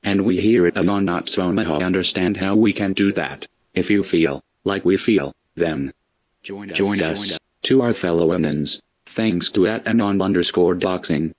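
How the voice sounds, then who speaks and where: Disguised deep male voice, pitched down. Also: normal speed, no room sound. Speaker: anonymous spokesman. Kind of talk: scripted read-out statement. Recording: dull lo-fi, dry sound.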